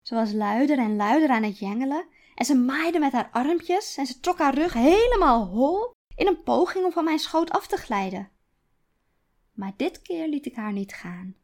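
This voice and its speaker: A woman author reading her own first-person story aloud, quiet and deliberate. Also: sits high, expressive. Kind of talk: storytelling narration.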